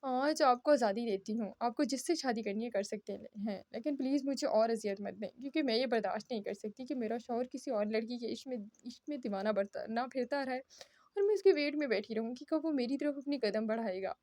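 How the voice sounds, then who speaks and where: A heartbroken young wife, read by a woman, pleads and reproaches in this storybook reading. The voice sits high. The sound is dry and close. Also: a little fast, a little mellow, no echo, lightly acted. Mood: tearful, accusing.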